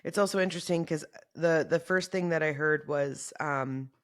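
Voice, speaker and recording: A mid-pitched voice in a very dry, close recording, speaking as a spiritual podcast host. The delivery is informal and conversational, like thinking aloud while guiding listeners through reflection. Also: normal speed, no echo. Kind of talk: casual spiritual talk with guided reflection.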